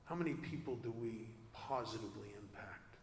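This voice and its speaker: A man's voice: lowish voice, animated, brisk, gravelly. Guy sharing his recovery story in a big echoey hall, earnest, pokes fun at himself, faint room hum. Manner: earnest, confessional, self-deprecating humor. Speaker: speaker at a recovery convention. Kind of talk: personal recovery talk to an audience. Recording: echoey hall with long reverb.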